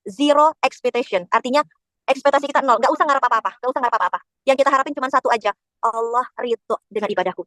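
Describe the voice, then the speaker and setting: A woman's voice: a little high, rapid-fire, fairly bright tone, dry recording. A woman religious teacher giving an emotional webinar sermon, telling stories and speaking straight to her listeners. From Indonesia. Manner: emotional, addresses listeners directly and often.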